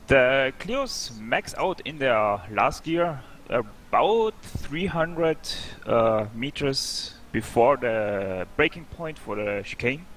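Slow-spoken man. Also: medium pitch, animated, a bit bright, slight background noise. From Austria. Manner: unhurried, hesitant, with frequent ums. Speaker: co-commentator. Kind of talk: casual race commentary.

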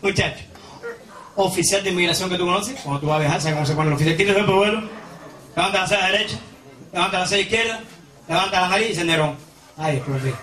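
A man with a Cuban accent telling a stand-up comedy routine in an animated way, often breaking into squealing character voices. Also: high-pitched, fast talker, pauses often. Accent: Cuban Spanish. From Cuba. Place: comedy stage before a live audience. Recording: roomy live stage sound from far off, loud crowd. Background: audience laughter.

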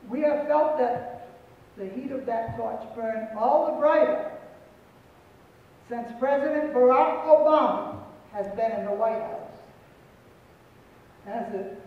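An older man giving a solemn, deliberate prepared speech on a panel, repeating phrases for emphasis. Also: very high voice, slight background noise. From Pequot territory, New England. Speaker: panel speaker. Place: auditorium stage, large indoor hall. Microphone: far room mic. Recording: echoey hall from far off, dull.

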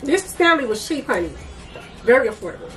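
A woman's voice: sits high, sing-song, brisk, a bit bright, faint music behind, rough recording. A young woman and mother chatting to viewers in a casual home vlog, laughing often and calling them y'all. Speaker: vlogger, mother. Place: small bedroom indoors. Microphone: handheld compact camera.

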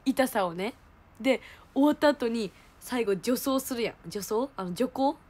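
A young woman, hosting a livestream and telling a story in animated casual chat. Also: on the high side, unhurried. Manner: animated storytelling, laughing, exclaiming. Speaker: idol livestream host.

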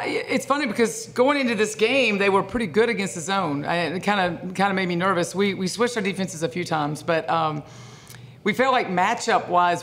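Gravelly-voiced woman coach at press conference. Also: medium pitch, a bit bright. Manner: thoughtful, with many fillers and restarts. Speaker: head coach. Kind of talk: postgame press conference answers. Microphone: desk microphone.

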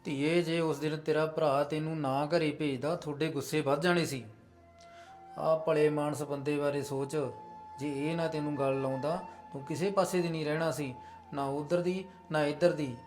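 A man acting out a calm, soft-spoken older father giving patient advice. His voice sits a little high for a man, set in a short family film with faint music behind. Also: normal speed, close to an everyday voice. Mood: gentle.

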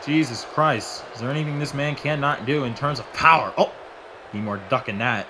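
A man doing excitable solo play-by-play of a wrestling match, swearing and breaking into shouts. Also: medium pitch, moderate pace, a little hiss or hum. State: out of breath. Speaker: wrestling commentator.

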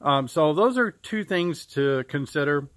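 A middle-aged American man from Illinois gives a relaxed beekeeping lesson outdoors beside a farm building, explaining things to a close-range camera and pausing often. His voice sits on the high side, and there's no room sound.

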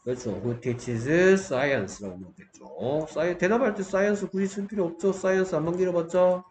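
Slow-talking male teacher, echoey room. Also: high-pitched, darkish tone. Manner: keeps checking in with students, asks and answers himself. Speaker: English teacher. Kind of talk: grammar lesson lecture. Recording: echoey room, faint background noise.

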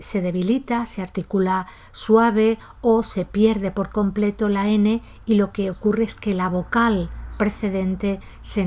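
A woman giving a calm, methodical lesson on pronunciation, saying example words aloud to demonstrate, and softening the S at the ends of syllables in her own speech. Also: mid-range voice. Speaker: language teacher. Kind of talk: explanatory lesson.

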